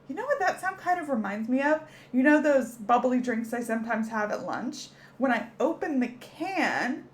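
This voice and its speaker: High-pitched lady teaching little kids the alphabet, slow and cheery. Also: slight background noise. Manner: cheerful, encouraging, speaks to children. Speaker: children's teacher. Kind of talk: children's educational lesson.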